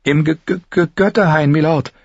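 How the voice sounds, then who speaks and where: A man's voice: on the high side, no room sound, voice pushed up. A man voicing a frightened, timid young girl who stammers and halts, in a slightly dull recording. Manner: stammering, halting.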